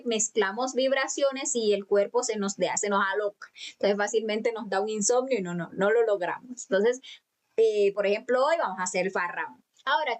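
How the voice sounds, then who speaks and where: Woman, patient instructor, calm lecture, elongated chanted syllables, computer mic. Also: fairly high pitch. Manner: speaks directly to students, many fillers and restarts. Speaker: spiritual teacher. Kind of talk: live online lecture on mantras. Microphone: computer mic for video conference.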